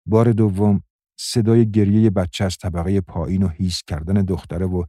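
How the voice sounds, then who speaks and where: A man reading a novel aloud in a steady, measured narration. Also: deep voice, no echo, clean studio sound. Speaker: audiobook narrator.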